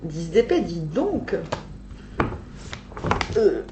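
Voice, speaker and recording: Slow-talking woman wearing a dental retainer. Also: on the low side, very animated. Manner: halting, thinking aloud with pauses and self-corrections. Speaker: tarot reader. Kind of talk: informal monthly tarot reading to viewers. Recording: echoey room, dull sound, faint hum.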